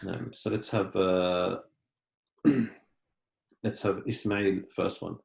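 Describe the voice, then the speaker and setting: A man's voice: low-pitched, steady tone, extremely slow, vocal fry, roomy sound. A man teaching an Arabic lesson, patiently explaining in English and Arabic. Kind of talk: online language lesson.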